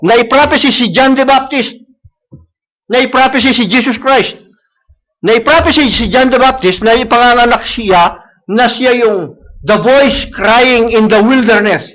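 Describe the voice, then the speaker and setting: High-voiced preacher. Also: male voice, unhurried, fairly bright tone, rough recording. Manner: mixes English phrases into Tagalog, repeats key phrases; asks the congregation for agreement. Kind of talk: sermon. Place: church service.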